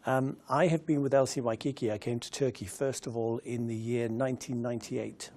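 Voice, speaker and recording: A man in a documentary interview, telling in a measured, reflective way about his years working abroad. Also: medium pitch, fairly even intonation. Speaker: retail executive interviewee. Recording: loud music under the voice.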